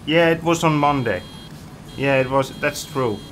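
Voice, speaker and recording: A man from Iceland hosts casual live-stream chat as a game streamer, reading viewers' comments aloud with hesitant fillers. His voice sits at medium pitch, he talks a little slowly, and there's slight background noise.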